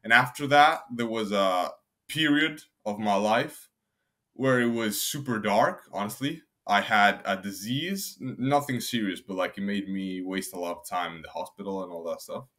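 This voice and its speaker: Bright-toned young man. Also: lowish voice, moderate pace. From Albania. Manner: rambling, with frequent restarts and fillers. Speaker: guest. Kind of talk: casual interview answers.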